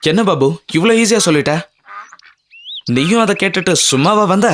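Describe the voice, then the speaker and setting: A teasing young pal. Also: male voice, high voice, lively intonation, moderate pace, slight background noise. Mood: questioning. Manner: teasing, probing questions. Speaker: friend. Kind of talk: TV serial acting. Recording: loud background music score.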